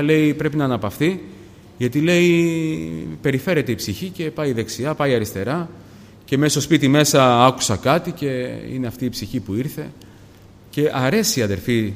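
A man preaching a sermon, addressing the congregation as brothers again and again and swinging from hushed tones to loud appeals. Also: medium pitch. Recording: long hall reverb.

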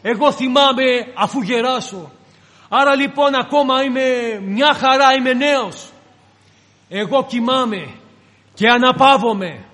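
A man's voice: extremely high pitch, fairly bright tone. A man preaching a sermon, retelling scripture as dramatic storytelling with acted-out voices. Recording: long reverb of a large hall.

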